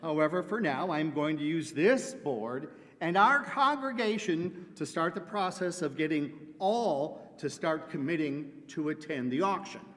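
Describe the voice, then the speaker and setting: Before a congregation in a big church sanctuary, a man performs an announcement skit packed with puns, keeping a playful deadpan. He speaks unhurriedly in a voice on the high side, with few pauses, and the hall gives a long reverb.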